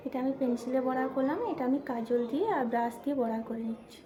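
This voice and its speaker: A woman from hosts a casual makeup tutorial vlog at home, speaking softly on purpose. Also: high-pitched, fairly even intonation, rapid-fire, crowd noise. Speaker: vlogger.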